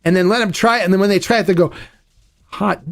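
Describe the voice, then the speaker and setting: A man's voice: high voice, racing. Chatty, enthusiastic male podcast host. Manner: rambling, enthusiastic, playful. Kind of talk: casual chat.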